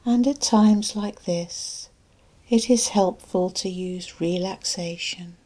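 This is a woman hypnotherapist leading a guided relaxation and sleep hypnosis, her voice on the low side, soft and breathy. She is soothing and deliberate, with long pauses separating her phrases.

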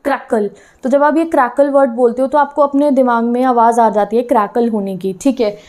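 A woman teaching a class in a fairly high, warm and mellow voice. She slips English terms into her explanations and keeps asking her students questions. She checks again and again that they are keeping up. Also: steady tone, brisk. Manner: keeps checking in with "theek hai".

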